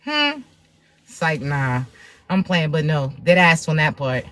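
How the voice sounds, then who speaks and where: A woman's voice: deep voice, big pitch swings, measured pace, fairly bright tone. A woman spiritual reader giving a blunt, profane, preachy pep talk to viewers on a livestream.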